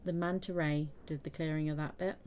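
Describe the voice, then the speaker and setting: A woman's voice: sits low, fairly even intonation, brisk, a little mellow, a little hiss or hum. A woman chatting casually and playfully with viewers while streaming a game, throwing in silly beep-boop noises. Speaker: gaming streamer. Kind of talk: casual live gameplay chat.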